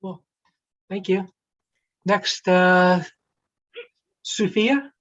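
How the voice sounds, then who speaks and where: A woman leads a group of young people through introductions on a video call, moving from one to the next in a halting, casual way with frequent "uh"s and restarts. Her voice sits at an ordinary middle pitch. The audio is a little dull and lo-fi. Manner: halting, many fillers and restarts. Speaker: livestream moderator. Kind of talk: casual moderating.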